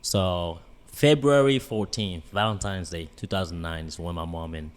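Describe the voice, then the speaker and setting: A man in his twenties from Cameroon, a guest on a podcast telling stories in lively casual talk. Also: low voice, normal speed. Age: 20s. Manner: animated storytelling, lots of "you know". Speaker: guest, bodybuilding coach. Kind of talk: casual interview chat.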